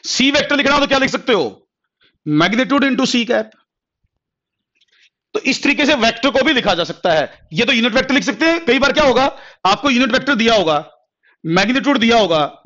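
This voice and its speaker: Lively high-pitched man teaching physics. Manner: repetitive, explains step by step, calls students "beta". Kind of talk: classroom lecture. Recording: dull lo-fi recording.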